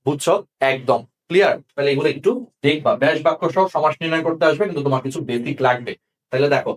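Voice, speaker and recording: Young man, tutor, rapid delivery, slightly high voice, keeps asking if students follow. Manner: checks understanding often with quick questions. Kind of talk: exam-prep grammar lesson.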